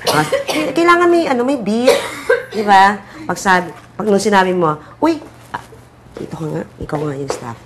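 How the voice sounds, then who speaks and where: Animated woman directing actors. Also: medium pitch, a little fast, a crowd in the background. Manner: animated, demonstrates lines, counts down takes. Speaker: acting director. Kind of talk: coaching actors on a set.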